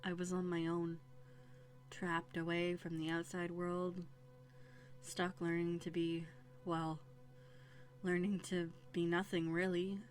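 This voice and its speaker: In an audio drama, a woman plays a bookish young princess who has run away. Her voice is slightly low for a woman, and her earnest, conversational delivery is completely flat, slow, and hesitant, with frequent pauses and a quiet, wounded bitterness. She's recorded close on a USB condenser microphone, with music underneath.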